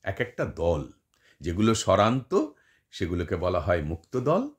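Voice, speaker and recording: A man's voice: sits low, sing-song, a little slow. A man giving a lecture, explaining step by step, repeating examples and asking his listeners rhetorical questions. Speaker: teacher. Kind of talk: lecture on Bengali poetic meter.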